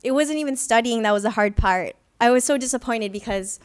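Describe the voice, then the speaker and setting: Fairly quick and a little high-pitched, the young Filipino student activist continues her personal testimony in a conference hall. She tells her story earnestly and reflectively, adding light humor at her own expense.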